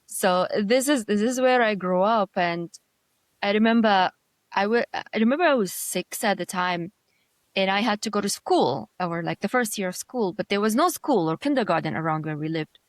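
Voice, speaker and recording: A woman's voice: medium pitch, expressive, moderate pace, no echo. Reflective woman guest from Jordan. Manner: reflective, hesitant with many fillers and restarts. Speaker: design executive guest. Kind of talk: conversational interview storytelling.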